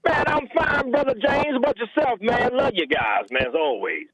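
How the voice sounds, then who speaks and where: A man calling in to a talk show, his loud, effusive greeting clipping and distorting because he is talking too hard into the phone. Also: very high voice, sing-song, moderate pace, a loud crowd. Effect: clipping, distorted phone audio from talking too hard into the phone. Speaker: caller. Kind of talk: casual call-in chat. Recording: dull lo-fi phone line.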